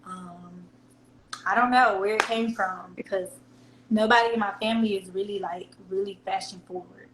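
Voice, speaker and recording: A woman with a Southern American accent chats candidly as an interview guest, laughing often during the casual conversation. Her voice is medium-pitched, steady and moderately paced, in an echoey room with a faint hum.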